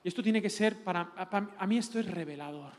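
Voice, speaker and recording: A middle-aged man with a Spanish accent from Spain, a pastor giving a lively, joking teaching sermon. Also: high voice, fast talker. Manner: lively, joking, playful preacher. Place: large church hall. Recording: long hall reverb.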